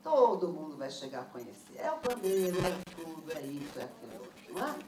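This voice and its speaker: A woman's brisk voice sits low as she leads a workshop for teachers, a lively trainer firing questions at the audience. The mic is distant, so the noisy room comes through with a roomy sound.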